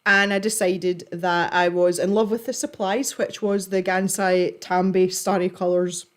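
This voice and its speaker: A woman's voice: fairly low pitch, little pitch movement, measured pace. A giggly woman with a Scottish accent, chatting informally as she hosts a livestream. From Scotland. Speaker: livestream host. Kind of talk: casual chat to a live audience.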